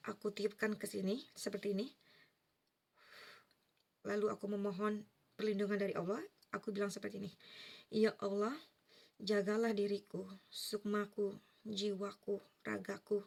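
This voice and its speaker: A woman's voice: mid-range voice, creaky. A woman telling a personal spiritual story in earnest, casual first-person testimony, with vivid detail and easy fillers. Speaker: vlogger sharing a personal story.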